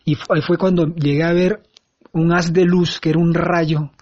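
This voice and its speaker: A man giving a first-person eyewitness account, halting and earnest, with frequent restarts. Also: a little high, level tone, a little mellow. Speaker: eyewitness recounting an event. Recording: dull lo-fi sound.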